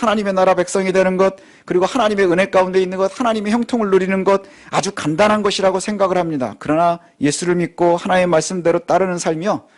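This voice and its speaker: A male pastor preaching a sermon in a conversational way, explaining with everyday examples. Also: high voice.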